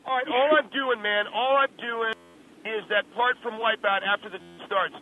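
A man's voice: very high voice, steady tone, normal speed. A man calling in over the telephone, a rock drummer talking casually and getting defensive, full of slang. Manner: laid-back, defensive, slangy, says "man" and "dude". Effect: heard over a telephone line. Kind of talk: casual on-air phone chat. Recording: noisy narrow phone line.

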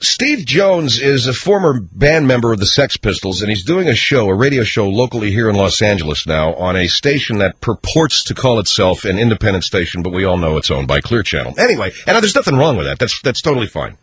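A man's voice: on the low side, very animated, a little fast, hardly any pauses, a bit bright, breathy edge. A man hosting a radio talk show with sardonic, satirical monologues.

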